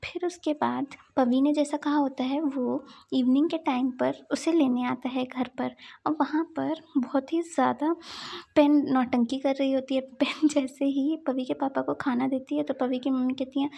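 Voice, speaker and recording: A woman's voice: high-pitched, fairly even intonation, moderate pace, creaky, dark tone. A woman casually retelling the plot of a romance drama, slipping into the characters' quoted lines in a plain voice. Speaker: drama recap narrator. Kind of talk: casual story recap.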